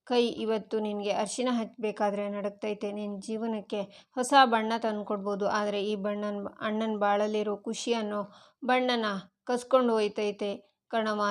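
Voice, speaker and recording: A woman voicing a rough-spoken village older brother in rustic dialect, tearful at first and then joking. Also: mid-range voice, lightly acted.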